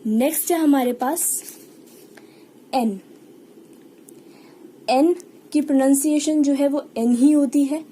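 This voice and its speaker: Woman, Indian accent, shorthand teacher, patient and repetitive, high dark mellow voice, faint hiss behind. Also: takes it slowly, long pauses. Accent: Indian English. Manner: patient, repeats key words and example sounds. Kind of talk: online lesson explaining step by step.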